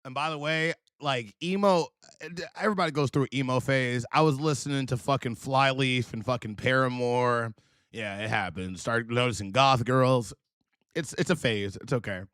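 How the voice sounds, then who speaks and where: A man hosting a livestream in loose, animated reaction talk, swearing freely and laughing through his stories. His voice sits at an ordinary middle pitch. The sound is dry and close, with no room echo. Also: normal speed, smooth. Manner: profane, animated, laughing storyteller. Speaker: livestream host. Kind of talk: casual reaction commentary.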